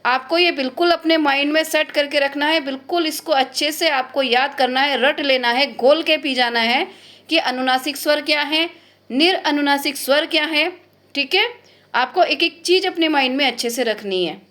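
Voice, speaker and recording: High-voiced woman teaching a grammar lesson. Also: moderate pace, fairly bright tone. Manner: explains step by step, keeps asking "ठीक है?", drops in English phrases. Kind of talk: classroom-style online lesson.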